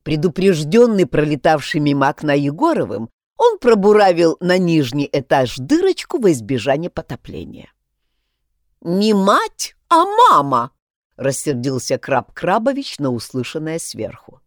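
Expressive woman reading a story. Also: low-pitched, normal speed, dry recording, studio quality. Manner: expressive, performs all the voices. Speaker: narrator.

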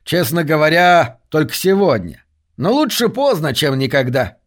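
A man voicing a gruff, burly gambler who talks bluntly. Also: on the high side, very animated, normal speed. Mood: confiding. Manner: growling, blunt.

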